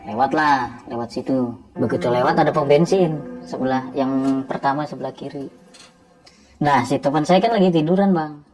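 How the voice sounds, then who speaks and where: A man's voice: medium pitch, faint music behind, low-quality recording. Man. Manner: animated, quick asides to the listener. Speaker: truck driver guest. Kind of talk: casual storytelling.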